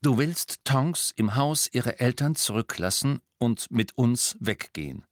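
Audiobook figure: a blunt young wizard, firm and direct, as a male reader puts him on. Slightly raised pitch, dry. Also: expressive, a little slow, no room sound, lightly acted. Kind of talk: audiobook character reading.

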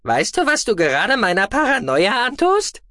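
A man's voice: moderate pace, no room sound, studio quality, heavily acted. A man voicing a small, cheeky, furry male alien who is telepathic, for an audiobook. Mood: excited. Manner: high, excitable, defensive. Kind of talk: audiobook reading.

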